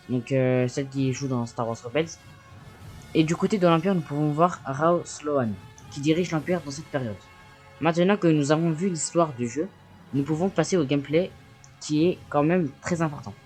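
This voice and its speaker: A man's voice: medium pitch, a little mellow. A young man hosting a gaming news video, reading from notes, often stumbling over English names and apologizing for his pronunciation.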